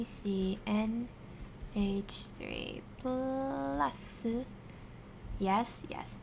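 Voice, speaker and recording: A woman's voice: a little high, vocal fry, a little hiss or hum. A woman streamer teaching science in a casual live session, talking to herself as she works through problems. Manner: talks to herself while working through problems. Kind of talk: casual live tutoring, thinking aloud.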